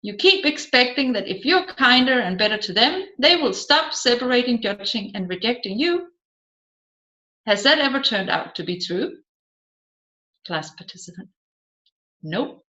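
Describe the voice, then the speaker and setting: A woman narrates a self-help seminar transcript with dialogue, her higher-pitched voice animated, bright, and forceful. She reads a little slowly and pauses often. The audio is echoey and slightly dull, with a lo-fi feel.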